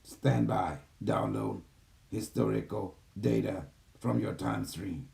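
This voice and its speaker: A man voicing a gentle, calm male care robot that speaks in soft, low, clipped system announcements over a video call. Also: slow pace, creaky, exaggerated voice. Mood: calm, mechanical. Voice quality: soft, low, even machine-like delivery. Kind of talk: channeling a machine entity on a video call.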